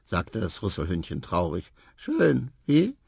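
A man doing a small hoarse trunk-dog. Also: low voice, wildly swooping pitch, darkish tone, no room sound, clean studio sound, heavily acted. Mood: wistful. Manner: slow, sighing. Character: small male trunk-dog creature, wistful.

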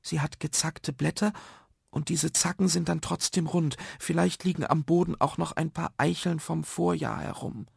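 A man doing a quiet, clever little boy. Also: fairly high pitch, moderate pace, vocal fry, breathy edge, no room sound, studio quality, pitched above the performer's own voice, exaggerated voice. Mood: shy. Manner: soft-spoken.

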